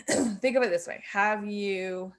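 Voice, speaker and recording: A woman's voice: mid-range voice, slow. A middle-aged woman teaching a lesson, explaining patiently with fillers and self-corrections. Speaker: sign language teacher. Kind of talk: instructional explanation.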